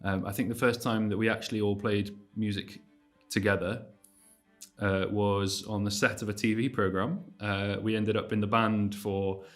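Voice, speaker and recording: A man's voice: on the low side, moderate pace, faint music behind. A man with a North Welsh accent, a folk trio musician, casually introducing his band with jokes and restarts. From North Wales. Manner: relaxed, joking, restarts a lot.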